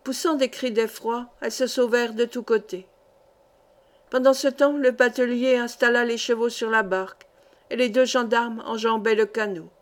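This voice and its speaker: A woman narrating a literary short story as an audiobook reader, in a measured way. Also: a little high, fairly even intonation.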